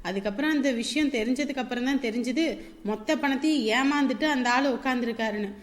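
An actress playing a sister-in-law who scolds and explains at length in a reproachful tone. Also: female voice, high-pitched, fast, natural voice. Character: sister-in-law, stern and lecturing.

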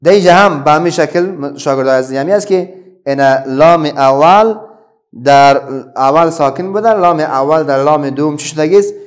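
A man with an Afghan Dari accent teaching a children's reading lesson. He asks his pupils a question, then answers it himself, with many pauses and fillers. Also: fairly high pitch.

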